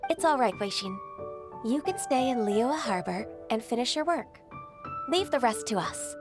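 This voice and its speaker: A woman's voice: a little high, expressive, normal speed. An actress voicing a polite, formal young woman official in a video game who speaks plainly. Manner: polite, direct. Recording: game music behind.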